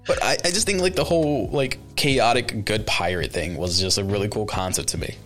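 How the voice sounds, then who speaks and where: Low-voiced dude guesting on a podcast, chill and eager, lots of bro and dude. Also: male voice, a little fast, fairly bright tone, soft background music. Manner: laid-back and eager, saying "bro" and "dude". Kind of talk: casual podcast chat.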